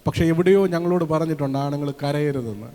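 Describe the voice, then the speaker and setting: A man preaching a sermon from Kerala, lively and questioning his listeners, acting out the voices he quotes. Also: fairly high pitch, quick pace. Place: church hall. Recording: long hall reverb.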